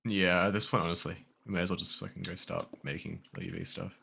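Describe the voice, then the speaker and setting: Deep-voiced Australian man, eager chatter. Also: fairly even intonation, fast, creaky, sharp tone, a little hiss or hum. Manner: eager, rambling, throws out ideas. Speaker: co-player in a building game. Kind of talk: casual gaming chat.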